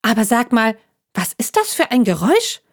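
Brief: woman voicing a naive, prattling juice box, pitched up high, for a kids' audio story. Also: very animated, moderate pace. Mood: naive chatter. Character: chatty naive talking grape juice box.

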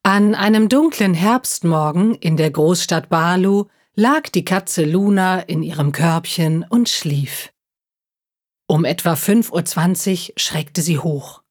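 Slow, calm woman reading a children's story. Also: fairly low pitch. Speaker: reader of children's stories.

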